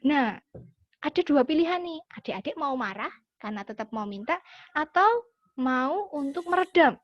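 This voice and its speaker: A woman giving a lively lesson to schoolchildren, acting out little example phrases as she explains. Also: sits high, normal speed, no room sound. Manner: animated, acts out example phrases. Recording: dull, dry lo-fi sound.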